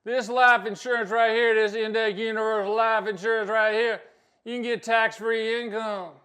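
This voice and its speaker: A man doing a loud drawling Southern salesman. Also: high-pitched, level tone, normal speed, smooth, pitched above the performer's own voice. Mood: overselling. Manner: loud, overselling. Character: brash slick male insurance salesman with a drawl.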